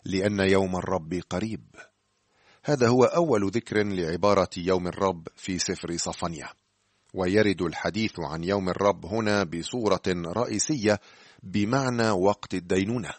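Man, very low voice, radio Bible teacher, measured and earnest, dry studio sound. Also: no echo. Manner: measured, earnest address to the listener.

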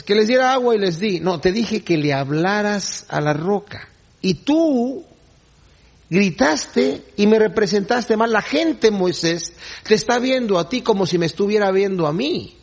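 A man voicing God as a patient, commanding presence giving a prophet calm instructions in a sermon. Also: high-pitched, exaggerated voice.

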